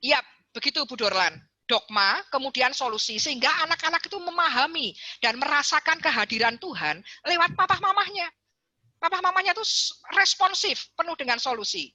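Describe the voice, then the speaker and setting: A woman psychologist and counselor giving a parenting talk over a video call, lively and acting out parents and children as she explains. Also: high voice, fairly quick, no echo, lo-fi sound. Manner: animated, acts out parents and children in quotes; addresses listeners repeatedly as parents. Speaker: guest speaker, psychologist and counselor.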